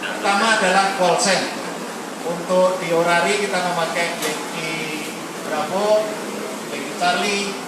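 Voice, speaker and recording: Even-toned male instructor, echoey and distant. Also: high voice, a little slow. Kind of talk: workshop explanation. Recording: far from mic, very echoey, noisy.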